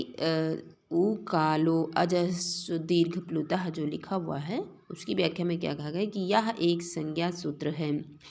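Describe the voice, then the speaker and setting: A woman teaching Sanskrit grammar in a slow classroom lecture, reciting verses and then explaining them step by step. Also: on the low side, gravelly, darkish tone.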